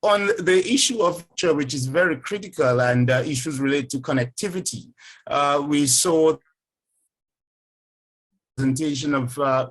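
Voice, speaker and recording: A man's voice: mid-range voice, poor audio. A man speaking hesitantly with many ums and uhs as he sums up a conference session, his audio breaking up over a weak video call connection. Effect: choppy audio breaking up over a weak online connection. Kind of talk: summarizing remarks at an online forum. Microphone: remote video call.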